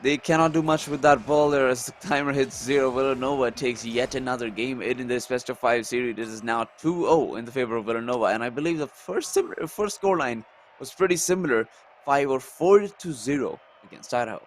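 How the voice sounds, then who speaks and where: A man calling the action of an esports match live, with a mid-pitched, even voice. He announces scores and time in a steady play-by-play rhythm. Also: fairly quick, a little hiss or hum. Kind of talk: live game commentary.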